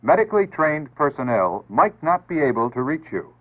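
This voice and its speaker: In tinny, band-limited audio reminiscent of 1960s radio, an American man reads a scripted civil defense PSA. His fairly high voice is very animated and moves at normal speed. He sounds earnest, formal and instructive.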